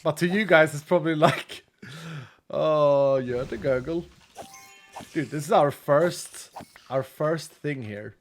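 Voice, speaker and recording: A Swedish-born man whose first language is Swedish speaks English with a Swedish accent, his voice fairly high and slightly raised, slow with long pauses over soft background music. Gaming on stream and reading chat, he talks loosely with viewers, laughs a lot at himself, and often lets sentences trail off.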